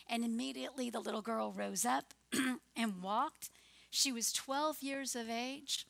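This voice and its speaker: A woman preaching a sermon in an unhurried, drawn-out way, her voice sitting a little high. She moves from hushed, tender retelling to loud, emphatic urging and acts out the people in the story. The sound is close and dry, with no room around it. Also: gravelly, dry recording.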